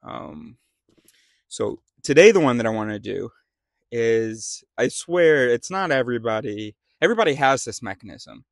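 A man's voice: mid-range voice, animated, moderate pace, vocal fry, dry recording, clean studio sound. A man in a casual spoken monologue, rambling and often stopping to restart his sentences. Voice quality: rambling, self-interrupting.

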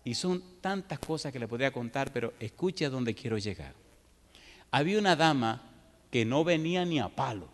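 A man's voice: medium pitch, normal speed. A man from the preaching a sermon, telling stories vividly. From Dominican Republic. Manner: lively storytelling, acting out the people in his stories. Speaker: pastor. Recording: echoey hall.

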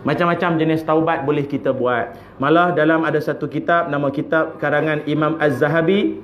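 A man's voice: fairly high pitch, steady tone, fairly quick, slight background noise. A man with a Malaysian Malay accent giving an evening religious lecture, humorous, laughing often and acting out voices. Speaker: preacher. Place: mosque prayer hall. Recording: echoey dull lo-fi hall recording.

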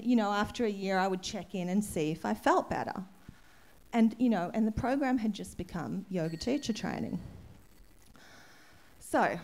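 Woman, yoga teacher, candid personal story, emotional, soft laughs, ashram gathering. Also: medium pitch. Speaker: yoga teacher giving a satsang talk. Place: ashram hall.

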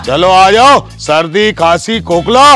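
A man's voice: sits high, lively intonation, measured pace, fairly bright tone. A man with a Khandeshi Hindi accent playing a clinic assistant who calls out to customers like a hawker and grumbles, over music. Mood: hawking. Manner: hawker's sing-song calling, grumbling. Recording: music underneath.

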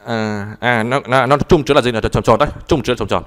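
A man teaching a live online language class, talking haltingly and repeating words as he types and explains. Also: medium pitch. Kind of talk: live online tutoring session.

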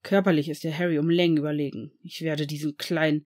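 A reader voicing a stern, brooding man, a potions master and father, speaking low with controlled anger. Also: level tone, fast, darkish tone, natural voice. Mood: angry. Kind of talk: audiobook fan reading.

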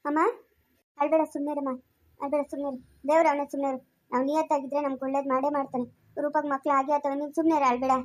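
A woman, playing a mother in a homemade family drama. Her voice sits very high and her words tumble out quickly. She scolds and pleads in blunt village speech. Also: flat delivery. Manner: scolding, emotional, rapid rural speech. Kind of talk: amateur family drama dialogue.

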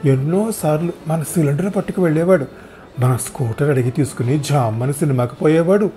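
A man's voice: fairly high pitch, a little fast, warm tone, natural voice. A man voicing a talkative, meddling elderly mother in a wheelchair, fussing over everyone in a storybook reading. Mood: chatty.

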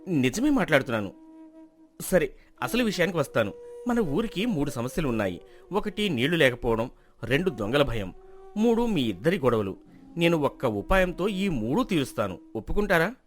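A man's voice: fairly high pitch, big pitch swings. An actor playing an earnest young man from the village who argues persuasively and pleads with the elders. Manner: earnest, quick, pleading argument. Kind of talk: storybook drama acting.

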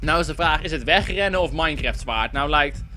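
A man's voice: on the high side, lively intonation, fairly quick, bright, forceful tone. A young man doing let's play commentary, sarcastic and jokey, swearing often. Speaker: gaming YouTuber. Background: faint game music.

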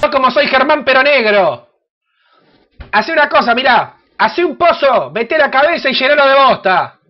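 A host with an Argentine accent, brashly teasing and shouting insults at strangers in a crude comedic video chat. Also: sits high, very animated, normal speed. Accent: Argentine Spanish. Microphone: computer webcam mic. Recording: dull lo-fi webcam audio with faint hiss.

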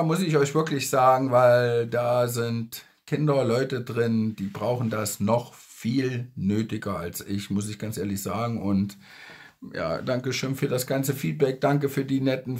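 Earnest middle-aged man, casual video message. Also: medium pitch. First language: German. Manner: earnest, emphatic, repeating himself. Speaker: social media creator. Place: indoors. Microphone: phone at arm's length.

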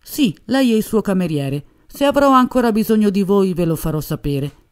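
A woman's voice: medium pitch, animated, normal speed, darkish tone, pitched above the performer's own voice, lightly acted. Woman voicing a curt male commissioner. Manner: curt, questioning. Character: stern male police commissioner.

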